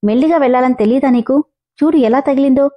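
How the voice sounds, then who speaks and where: A woman's voice: a little high, quick pace, highs cut off, lightly acted. A woman voicing a bossy young boy who scolds but looks after a little girl, in a storybook reading. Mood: scolding.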